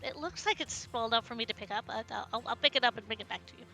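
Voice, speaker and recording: A woman's voice: on the high side, racing, sharp tone, faint music behind, rough recording. A woman narrating a tabletop role-playing game as its game master.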